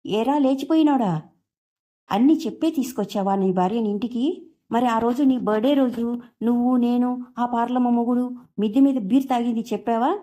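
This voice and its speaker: A woman's voice: fairly high pitch, normal speed, voice pushed up, lightly acted. A woman voicing an angry young husband who scolds his family for wasting his wife's cooking. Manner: scolding, shouting.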